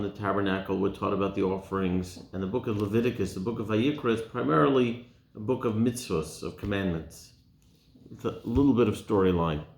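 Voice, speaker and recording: A man teaching the weekly Torah portion in an earnest tone, posing rhetorical questions and dropping his voice on key points. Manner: earnest, asks rhetorical questions, drops low on key words. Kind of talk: Torah talk to camera. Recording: echoey room.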